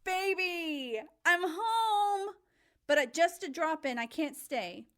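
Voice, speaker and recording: A woman reading as Sophie, a calm, firm guide. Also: mid-range voice. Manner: brisk and insistent, calmly firm.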